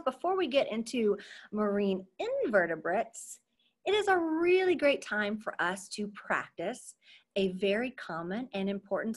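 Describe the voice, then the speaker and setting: A young adult woman teaching an online marine science lesson to children over a video call, in an upbeat, chatty teacher voice that keeps checking in with "okay?". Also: medium pitch. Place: at home.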